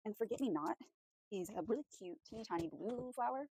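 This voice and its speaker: A woman vlogging at home while drawing, chatting casually in a rambling, friendly way with lots of fillers, her voice slightly hoarse. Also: medium pitch, expressive, fairly quick, noisy background. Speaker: art vlogger.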